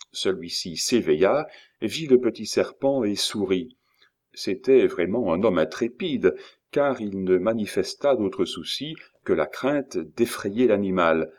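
A man narrating a classic novel as an audiobook, in a measured storytelling manner. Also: on the low side, darkish tone.

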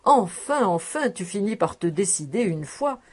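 A woman's voice: mid-range voice, sing-song, normal speed, husky. A woman voicing a jovial, stout, balding male tax collector who talks in a boisterous, hearty way in an audiobook. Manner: boisterous and hearty, laughing loudly. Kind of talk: audiobook character reading.

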